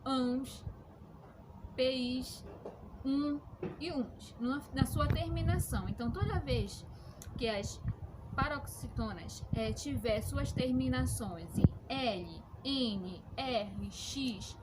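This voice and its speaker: A woman's voice: high voice, slow, very noisy. A woman teaching a lesson to children, explaining patiently and checking in with them often. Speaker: schoolteacher.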